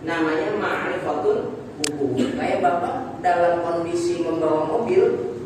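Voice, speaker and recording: High-voiced man preaching in echoey hall. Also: measured pace, distant mic, background noise. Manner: chants Quran verses, then explains casually. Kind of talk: religious teaching talk. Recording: echoey hall recorded from afar.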